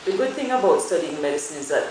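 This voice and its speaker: A middle-aged woman from Jamaica, a dermatologist, answers interview questions in a low voice. She talks in a measured, thoughtful way, pausing on fillers. The recording sounds strongly echoey, with faint noise behind her. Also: expressive, a little mellow. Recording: very echoey room with faint ambience.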